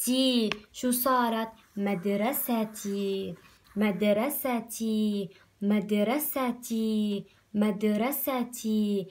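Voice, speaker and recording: A primary school Arabic teacher with a Levantine Arabic accent leads a recorded remote lesson for first graders. Her voice is fairly high and fairly bright, and she stretches out syllables slowly while asking coaxing questions. There's a little hiss or hum in the audio.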